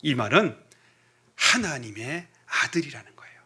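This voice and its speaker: A middle-aged male pastor preaching a sermon, telling the story with lively acted-out dialogue. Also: medium pitch, normal speed, husky. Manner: animated storytelling, acting out quoted voices. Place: church sanctuary.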